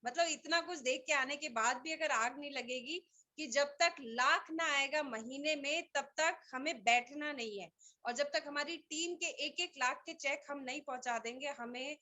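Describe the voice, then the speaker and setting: A woman giving a motivational team training talk, energetic and rallying, telling stories with quoted dialogue. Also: high voice, a little slow. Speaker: team trainer for a direct-selling business.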